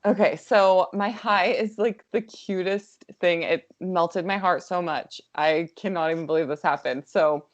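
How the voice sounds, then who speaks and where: A woman co-hosting a podcast in casual chat, warmly supportive and quick to laugh. Her voice sits fairly low for a woman. The recording sounds dull and lo-fi. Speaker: podcast co-host.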